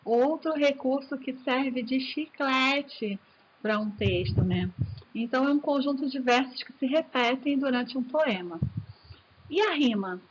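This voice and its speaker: Brazilian woman teacher, chatty and keen, slightly high voice, dull recording with faint hiss. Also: measured pace. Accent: Brazilian Portuguese. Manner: chatty and enthusiastic, addresses students as "gente". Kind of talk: recorded video lesson.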